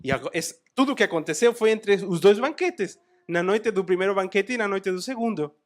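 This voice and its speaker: A man preaching a sermon in a church, retelling a Bible story with animated asides. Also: high-pitched, a little fast.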